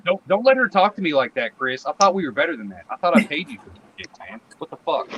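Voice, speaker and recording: A man's voice: a little high, sing-song, fast talker. A man in a casual group chat, trading crude jokes and teasing insults. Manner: crude, joking trash talk. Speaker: panel participant. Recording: lo-fi call audio with crowd noise.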